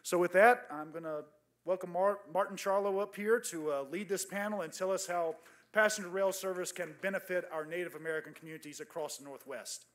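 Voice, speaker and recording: A man acting as conference emcee, introducing a panel in a halting, chatty way with many fillers. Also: sits high, fairly even intonation, fairly bright tone. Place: conference hall stage.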